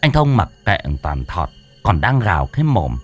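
A man narrating an audiobook in an expressive storytelling manner. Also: sits low, moderate pace, soft background music.

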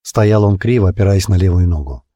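Male narrator, husky and dark-toned, dry close recording, expressive audiobook reading. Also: sits low, brisk, no echo.

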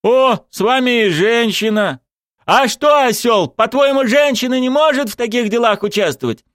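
A man voicing a brash, sarcastic young woman activist who shouts down everyone around her. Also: sits high, sing-song, moderate pace, no echo, studio quality, voice pushed up. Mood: defiant.

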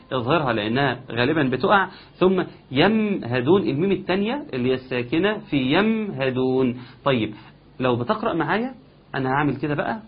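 A man with an Egyptian accent teaching Quran recitation, explaining each rule step by step and slowly chanting example verses. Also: mid-range voice, slightly rough. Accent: Egyptian Arabic. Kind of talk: recitation lesson. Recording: dull lo-fi sound.

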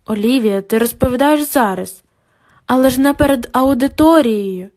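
A woman voicing a calm, confident female academic supervisor who speaks in a firm, encouraging way. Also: high voice, normal speed, close to an everyday voice.

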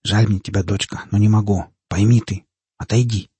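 A man voicing a frightened male innkeeper who calls out loudly with forced cheer. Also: on the low side, fairly even intonation, moderate pace, husky, no room sound. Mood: nervous. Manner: loud, forced, nervous.

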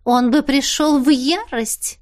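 A woman with a high, pushed-up voice plays a spoiled young woman, speaking slowly as she petulantly whines and pleads with her cousin.

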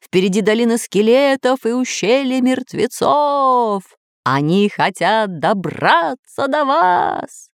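Woman doing a slow, booming pirate ghost. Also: sing-song, no echo, clean studio sound, exaggerated voice. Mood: menacing. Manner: slow, drawn-out, threatening. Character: ghostly booming pirate captain's voice, male, menacing.

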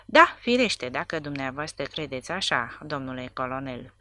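A woman reading the part of a calm, wily old sergeant in an audiobook. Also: very deep voice, dry recording, pitched below the performer's own voice, exaggerated voice. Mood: polite. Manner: calm, dryly respectful.

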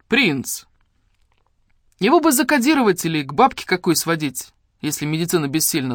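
A reader voicing a rude, scolding old village woman who shouts coarse, bossy lines at a young woman. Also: medium pitch, no room sound, studio quality, pitched above the performer's own voice.

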